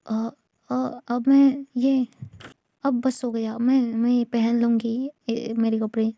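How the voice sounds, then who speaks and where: A woman voicing a sleepy, childish young woman who whines and stammers, with a gravelly, dark tone. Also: fairly high pitch, flat delivery, slow pace, dry recording, clean studio sound. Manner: whiny and stammering.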